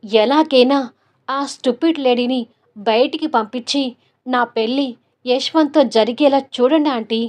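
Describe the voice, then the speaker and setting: A woman's voice: sits high, unhurried, a little mellow. A woman voicing a conniving young woman plotting on the phone to marry a man. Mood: scheming. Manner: pleading, conniving. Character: scheming young woman, spiteful rival.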